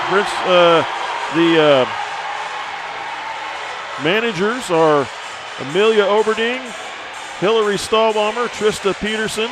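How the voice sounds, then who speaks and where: A man's voice: sits high, low-quality recording. A man giving live volleyball commentary as a play-by-play announcer. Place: indoor sports arena, courtside. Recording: loud gym crowd and music behind. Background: crowd, music, bouncing balls.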